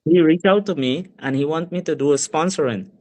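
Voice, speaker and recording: A man's voice: fairly high pitch, fairly quick, a little mellow. A man from Guyana, a guest on a business chat, telling stories in a chatty way with lots of "like" and "right?". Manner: chatty storyteller, often adds "like" and "right?". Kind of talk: casual interview chat. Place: Edmonton, Canada.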